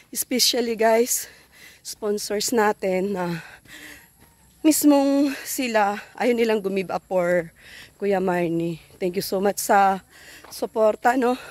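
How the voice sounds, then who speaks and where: A woman's voice: medium pitch, a little mellow, no echo. A woman vlogging outdoors on a phone, a little out of breath, chatting casually and thanking her viewers and sponsors. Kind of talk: casual vlog narration.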